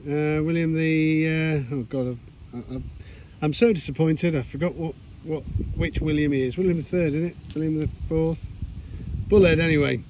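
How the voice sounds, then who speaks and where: A man's voice: on the high side, steady tone, moderate pace, darkish tone, a little hiss or hum. Chatty man outdoors. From United Kingdom. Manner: chatty, self-deprecating, exclamatory. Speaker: metal detecting vlogger. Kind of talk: casual self-filmed commentary. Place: outdoors in a pasture field. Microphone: chest cam or handheld camera.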